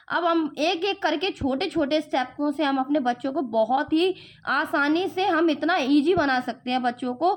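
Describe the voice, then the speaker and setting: A young woman teaching a child to spell simple words, patiently stretching out syllables and asking coaxing questions. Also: high voice. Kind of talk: home spelling lesson for children.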